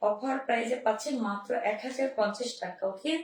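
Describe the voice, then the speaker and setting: Hoarse girl doing a live clothes sale, upbeat and repeating herself, kinda high voice, echoey room. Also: fairly quick. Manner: upbeat, repetitive selling calls to viewers. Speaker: online clothing seller. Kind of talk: live-stream sales pitch. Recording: roomy, mic at a distance.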